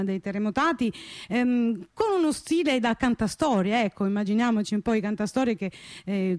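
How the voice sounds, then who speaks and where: A woman's voice: on the high side, dry recording. A woman introducing songs as a radio host, chatty, with fillers and restarts. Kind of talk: radio music presentation.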